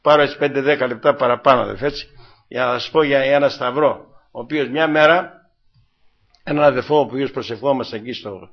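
A man preaching a sermon, swinging between loud fervent passages and low murmurs and acting out the voices in his stories. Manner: acts out voices in short quoted exchanges. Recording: lo-fi dull recording.

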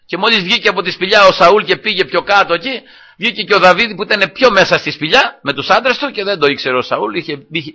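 A male preacher with a high, very bright and cutting voice, telling a scripture story with lively swings between soft asides and raised lines. He keeps turning to his congregation as brothers. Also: dull audio. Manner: keeps addressing listeners as brothers, acts out quotes, animated. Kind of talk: sermon retelling a scripture story.

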